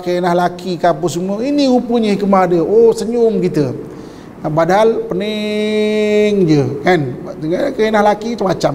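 High-voiced preacher in a hall. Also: male voice, a little hiss or hum. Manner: lively, joking, speaks straight to the audience. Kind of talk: storytelling religious talk to a live audience.

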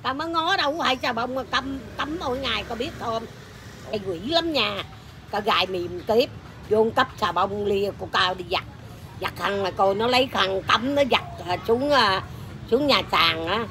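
A woman who performs in a lô tô troupe. She tells a comic anecdote in a crude, blunt and animated way and laughs often. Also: fairly high pitch, moderate pace, background noise.

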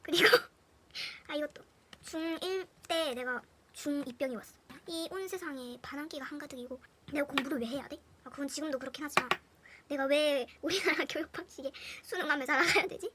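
A young woman with a Gyeongsang Korean accent telling funny school stories to her viewers in a casual, animated way, swinging between hushed whispers and loud bursts with lots of laughter. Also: high-pitched, brisk, noisy background. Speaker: storyteller vlogger. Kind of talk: casual anecdote storytelling to viewers.

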